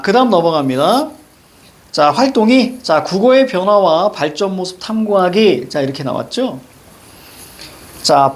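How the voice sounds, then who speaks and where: A male teacher giving a classroom lecture on Korean grammar, animated and constantly checking that students follow. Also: high voice, a little hiss or hum.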